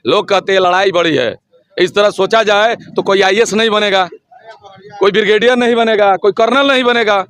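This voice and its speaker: A man speaks in a notably high voice during a heated campaign interview. He is forceful and rhetorical, circling back to the same slogans with rising insistence. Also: brisk, smooth. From Siwan district, Bihar, India. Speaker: local election candidate.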